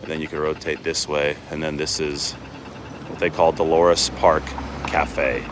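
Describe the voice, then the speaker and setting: Man, very low voice, sports reporter, casual walking vlog, rambling restarts, outdoors, handheld phone. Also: level tone, a little slow, noisy background. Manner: chatty, rambling, frequent restarts. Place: outdoors on city streets and in a park. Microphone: handheld phone camera while walking.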